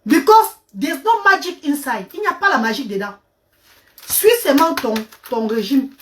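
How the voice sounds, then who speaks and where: A woman's voice: high voice, animated, moderate pace, fairly bright tone, a little hiss or hum. A woman hosting a casual live stream with diet advice, coaxing her viewers with endearments and slipping into English. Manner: switches between French and English. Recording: voice a bit far from the mic.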